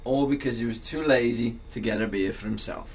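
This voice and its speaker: A man's voice: mid-range voice, fairly quick, husky. An Irish man telling a news story in casual chat, laughing as he goes and swearing freely.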